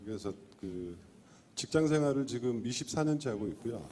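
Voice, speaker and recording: A man's voice: medium pitch, expressive, a little fast, dark tone, slightly rough. A man in his fifties hesitantly telling his personal problem as a questioner. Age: 50s. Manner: hesitant, searching for words.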